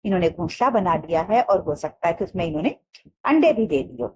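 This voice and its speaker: A woman reading the lines of a mocking, sharp-tongued mother from a storybook lesson, in a sarcastic tone. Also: on the low side, sing-song, a little fast, a crowd in the background. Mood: teasing.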